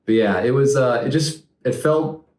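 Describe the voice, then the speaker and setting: A young man co-hosting a podcast in casual chat, telling stories in a lively, filler-heavy way. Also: medium pitch, moderate pace. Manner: animated storyteller, filler-heavy. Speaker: podcast co-host. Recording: roomy room sound.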